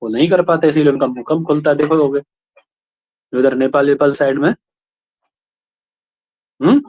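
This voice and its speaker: A lo-fi recording captures a classroom lecture by a man from India whose fairly high voice holds a steady tone at a moderate pace. He walks through points and checks on students with quick questions.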